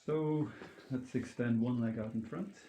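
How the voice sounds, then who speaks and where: A man teaching meditation and yoga, leading a calm grounding exercise with unhurried, gently instructive guidance through mindful movement. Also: medium pitch, slight background noise. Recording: roomy, echoing indoor sound.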